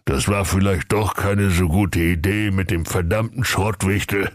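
A man's voice: sits low, unhurried, no room sound, studio quality. A man playing a lazy, bumbling servant who whines and frets in a storybook tale. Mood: sheepish.

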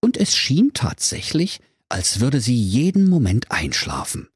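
A man narrating a comic bedtime story in a playful, animated way. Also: medium pitch, measured pace, breathy edge, no room sound, studio quality.

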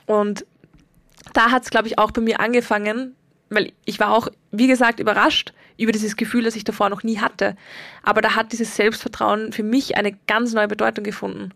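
Earnest young woman, gravelly edge. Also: mid-range voice, level tone, moderate pace, a bit bright, no room sound. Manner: earnest, reflective, stretches words for emphasis. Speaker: podcast host. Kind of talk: personal podcast monologue.

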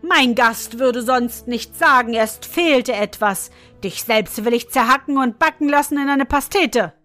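A proud, hot-tempered duke roars and threatens in a raised, loud voice, as a woman reading the tale puts him on. He sounds high and forceful, with soft music faintly behind. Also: animated, unhurried. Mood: furious. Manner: shouting threats, blustering.

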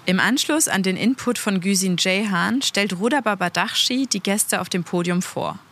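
A woman's voice: medium pitch, normal speed, a bit bright. A woman narrating a scripted report as a voice-over.

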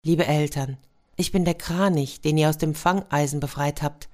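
Woman voicing a gentle crane-maiden, soft and earnest, low voice, storybook tale. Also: normal speed, lightly acted. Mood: sorrowful. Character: gentle young crane-maiden, kind and grateful.

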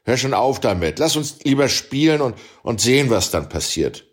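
A man voicing a cocky, self-assured male tennis ace who argues brashly, pitched higher than his own reading voice. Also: big pitch swings, moderate pace. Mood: scolding.

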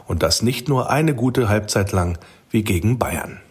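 A man's voice: on the low side, expressive, a little slow, faint music behind. A man reading out a scripted, critical and analytical commentary for a fan podcast.

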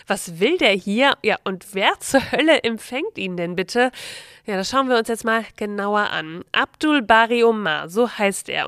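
A woman's voice: fairly high pitch, fairly bright tone, dry recording, studio quality. A woman presenting a casual news explainer, talking straight to her viewers with ironic asides. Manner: chatty, ironic asides, frequent "ja".

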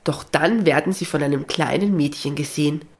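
A narrator reading a children's Christmas tale with a calm, steady delivery. The voice is husky and breathy, at a middle pitch. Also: a little fast.

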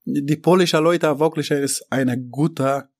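A man from Afghanistan, not a native German speaker, talking in an interview in halting, broken German with many fillers and restarts. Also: fairly high pitch, steady tone. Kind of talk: interview about his deportation.

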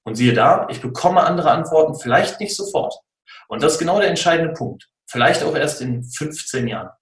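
A man in his forties tells his story in an interview. His voice sits a little high, and he speaks earnestly, in halting bursts full of fillers. The recording has a roomy echo. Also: lively intonation. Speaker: guest, personality and sports mentor.

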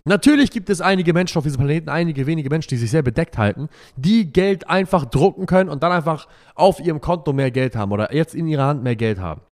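A man's voice: on the high side, expressive, fast talker, few pauses, a little mellow. Brash profane young man ranting. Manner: brash, profane rant, mocking and emphatic. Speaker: money and lifestyle talker. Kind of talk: provocative monologue.

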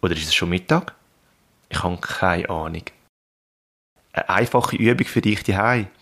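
A man with a Swiss German accent and a fairly low voice narrates in a calm, reflective way. He speaks straight to the listener like a coach, in scripted podcast style. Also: gravelly.

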